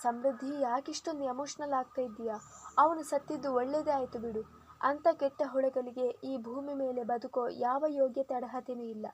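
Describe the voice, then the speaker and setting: A woman's voice: sits high, slightly rough. A woman voicing a young husband who comforts his wife in a firm, reassuring way. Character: confident protective young husband.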